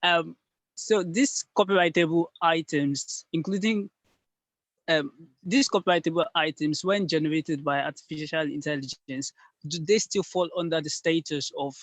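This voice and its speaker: A man presents over a video call, pausing often with ums as he searches for words. His voice sits a little high, and the sound is dry and close. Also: a bit bright, dry recording, poor audio. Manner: hesitant, many ums. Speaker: mentee presenter. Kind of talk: online meeting presentation.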